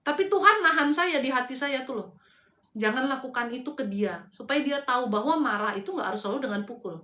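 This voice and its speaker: A woman's voice: high voice, lively intonation, fairly quick, sharp tone, reverberant. A woman hosting a live spiritual advice talk, exhorting her listeners directly in a casual, slangy way. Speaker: host and spiritual counselor.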